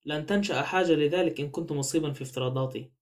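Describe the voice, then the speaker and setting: A man voicing a calm, shrewd older detective in an audiobook, quietly assured. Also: on the high side, very fast, close to an everyday voice. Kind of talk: audiobook character voice.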